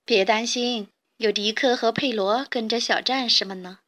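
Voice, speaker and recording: A brave mother hen who leads the coop, firm and reassuring under threat, as a woman puts her on. Her voice is fairly high and clear in this children's storybook. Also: steady tone, normal speed, a bit bright, close to an everyday voice. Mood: commanding. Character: brave level-headed mother hen leader.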